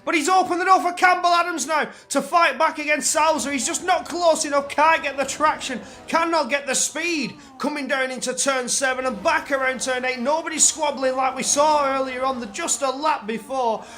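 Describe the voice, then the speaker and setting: A man doing excited motorsport commentary as an esports caster. His voice is extremely high for a man and bright, with a forceful edge. He calls the play-by-play emphatically and breathlessly, repeating phrases as he goes. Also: normal speed, hardly any pauses.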